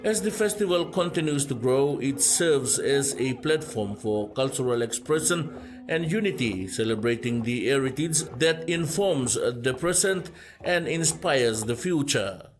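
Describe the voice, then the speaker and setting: Guy doing a news report, formal and steady, normal pitch. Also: soft background music, poor audio. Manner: measured formal delivery.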